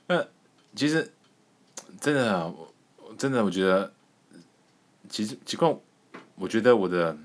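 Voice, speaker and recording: Deep-voiced, joking Taiwanese man. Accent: Taiwanese Mandarin. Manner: joking and crude, laughing often, stumbling restarts. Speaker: podcast host. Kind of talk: casual podcast chat.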